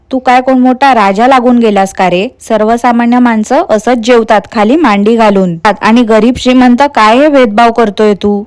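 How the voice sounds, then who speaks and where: Woman, Marathi accent, mocking and scolding, high smooth voice, dry close mic. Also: no room sound. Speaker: reaction podcaster. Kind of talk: scolding commentary on a vlogger.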